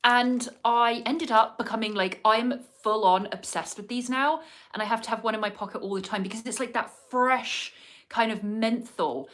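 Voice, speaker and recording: An English woman vlogging on a casual livestream chats while doing her makeup at home on a cold winter day. Her voice is on the high side and fairly bright, with fairly even intonation and a moderate pace, and she rambles with plenty of fillers and asides to viewers.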